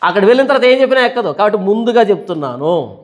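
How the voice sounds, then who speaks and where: A man with a high voice preaches a Bible study sermon. He tells vivid stories and fires rhetorical questions at his listeners, pushing and then easing his pitch. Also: racing. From India. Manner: animated storytelling with rhetorical questions. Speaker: pastor.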